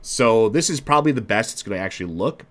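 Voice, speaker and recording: Low-voiced man hosting a reaction chat. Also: expressive, fast, fairly bright tone. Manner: rambling, laughing often. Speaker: host.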